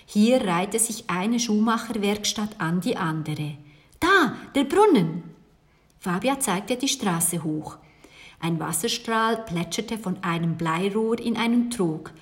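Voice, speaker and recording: A woman narrating a children's story in a clear, even storytelling manner. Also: mid-range voice, measured pace. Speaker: audiobook narrator.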